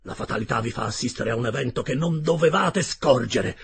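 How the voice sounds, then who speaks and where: A man voicing a vengeful, proud male submarine captain who roars slow, commanding orders in a gravelly voice. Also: medium pitch. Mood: cold commanding.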